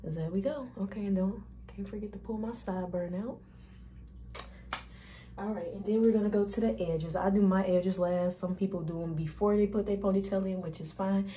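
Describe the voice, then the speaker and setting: Young woman beauty vlogger, warm mellow voice, chatty and informal, walks viewers step by step. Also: medium pitch, steady tone, normal speed, a little hiss or hum. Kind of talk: casual hair tutorial.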